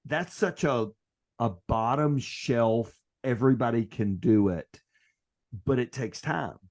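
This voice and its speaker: A man's voice: medium pitch, slow pace, darkish tone. A man hosting a podcast interview, asking eager questions and affirming his guest. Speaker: podcast host.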